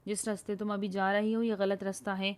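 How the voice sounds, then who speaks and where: A woman's voice: mid-range voice, level tone, dry recording, natural voice. An irritable young man snaps back in a stern, curt voice, worn out by his companion. A woman reader plays him in a storybook reading. He sounds short and fed up. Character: patient but irritable young man, a fellow student.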